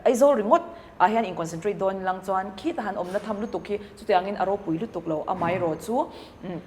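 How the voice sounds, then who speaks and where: A woman talking in a relaxed, thoughtful way and mixing in English business terms, recorded in a cafe. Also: mid-range voice, quick pace, big-room sound, slight background noise. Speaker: entrepreneur guest. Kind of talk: casual conversation.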